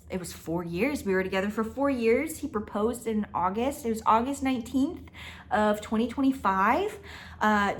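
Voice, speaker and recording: A woman in her twenties chatting casually to camera in her apartment, talking emphatically and laughing often. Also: on the high side. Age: 20s. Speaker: vlogger. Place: her own apartment, indoors.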